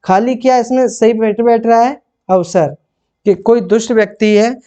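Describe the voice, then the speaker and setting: A man teaching for a Hindi exam. He asks questions and answers them himself, and repeats and rereads phrases slowly. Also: very high voice, steady tone, warm tone. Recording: dull lo-fi sound.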